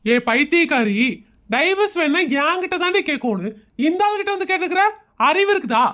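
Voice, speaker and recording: A man's voice: very high voice, expressive, normal speed, pushed and bright, heavily acted. A man playing an exasperated, sarcastic husband in a comedy skit, arguing and mocking with a Kongu Tamil accent. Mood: scolding. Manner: argumentative, mocking, complaining. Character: exasperated, sarcastic husband who mocks everyone around him.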